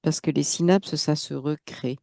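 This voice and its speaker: A woman acting as the operator of a channeling session, guiding with short questions and quick affirmations. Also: low-pitched, steady tone, vocal fry, warm tone, no room sound, studio quality.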